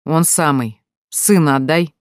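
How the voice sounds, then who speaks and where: A reader voicing a rough, drunk, brutal man who threatens and snarls slowly and loudly in an audiobook. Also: medium pitch, no room sound, studio quality, lightly acted. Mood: menacing. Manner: coarse, menacing, slow and loud. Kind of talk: audiobook character voice.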